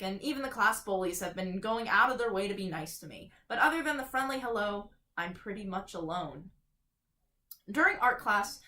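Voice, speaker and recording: Female amateur horror-story reader, mid-pitched, casual, echoey room. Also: bright, forceful tone. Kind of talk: amateur story read-aloud with casual asides.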